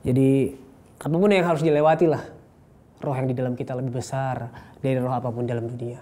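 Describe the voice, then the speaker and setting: A woman hosts a faith interview with a strikingly low, dark, mellow voice. She listens quietly and adds calm, reflective comments. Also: quick pace. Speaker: host. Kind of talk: faith talk show interview.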